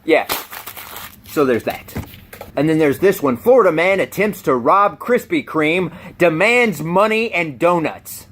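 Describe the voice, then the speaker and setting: Sarcastic man with a lively high voice. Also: a little slow, slight background noise. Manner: sarcastic, mocking, laughs at his own jokes. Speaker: YouTube host. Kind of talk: comedic news rant.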